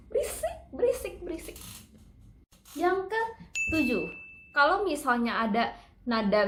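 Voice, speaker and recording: A high-voiced woman coaches singing in a relaxed, talkative way and demonstrates each point with sung operatic lines. The room around her is echoey. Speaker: singing teacher. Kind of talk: casual singing lesson.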